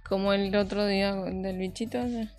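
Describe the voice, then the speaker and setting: A woman co-hosting a casual chat show, animated and exclaiming, sometimes drawing out her words. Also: medium pitch, moderate pace, faint music behind. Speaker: co-host.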